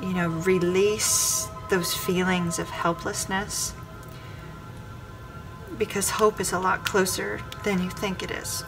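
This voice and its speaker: Speaking slowly in a mid-range, level voice, a woman gives a weekly tarot reading over clear background music on a rough recording. She talks directly to the viewer by star sign and circles back over her words.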